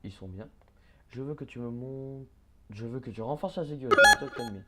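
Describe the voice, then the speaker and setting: A man giving casual gameplay commentary, chatting, swearing and muttering quick orders at the characters on screen. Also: medium pitch, very animated, very noisy. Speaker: let's play gamer.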